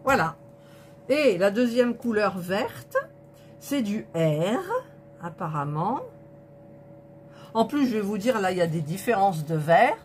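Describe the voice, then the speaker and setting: A woman's voice: mid-range voice, lively intonation, slow, long pauses, a little hiss or hum. A woman vlogger unboxing a diamond painting kit, indignant and disappointed, counting colour numbers aloud to her viewers. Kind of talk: unboxing vlog, talking to viewers.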